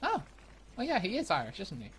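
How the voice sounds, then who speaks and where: A man's voice: sits high, wildly swooping pitch, a little fast, a bit bright. A man chatting casually with friends over voice chat during a game, stumbling and repeating words as he talks. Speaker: gamer in voice chat. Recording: noisy voice chat mic.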